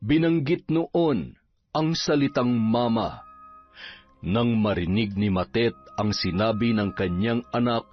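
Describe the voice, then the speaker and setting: A man narrating a horror story in a dramatic, expressive reading style. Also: mid-range voice. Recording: dull, muffled recording.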